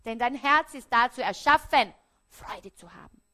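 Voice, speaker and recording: A woman with an Austrian accent, preaching a parable on stage before an audience, often dropping to a hushed, quiet voice. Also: a little high, moderate pace. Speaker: stage speaker.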